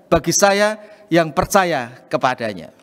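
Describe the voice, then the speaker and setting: A man's voice: fairly high pitch, sing-song, takes it slowly, fairly bright tone. A male pastor preaching a sermon, telling a story and often addressing the congregation directly. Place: church hall. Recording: long church hall reverb.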